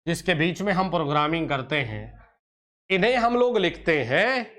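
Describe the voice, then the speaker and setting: A man's voice: a little high, expressive, a bit bright. A man teaching an online exam-prep lecture, fond and teacherly, stretching out key terms, sometimes scolding his students. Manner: teacherly, addresses students as "beta" and "pyare bachche", scolds and coaxes; drawn-out slow emphasis on key terms.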